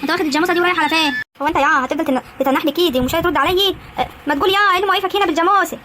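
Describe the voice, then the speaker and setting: A woman's voice: very high voice, racing. A woman playing a nosy, nagging village sister-in-law, speaking with a rural Egyptian accent. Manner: prying, nagging. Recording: loud outdoor noise, chickens.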